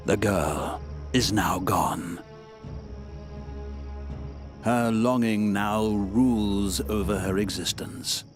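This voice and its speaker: An actor playing an ancient male djinn who speaks in slow, portentous pronouncements over music. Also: lowish voice, fairly even intonation. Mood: ominous. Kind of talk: game voice acting.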